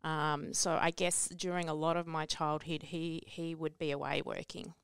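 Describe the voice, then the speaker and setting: A woman's voice: low-pitched, little pitch movement, normal speed, vocal fry, fairly bright tone, clear, resonant tone, no room sound. Woman recounting her childhood. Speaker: guest entrepreneur. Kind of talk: radio interview. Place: small radio studio. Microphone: headset mic.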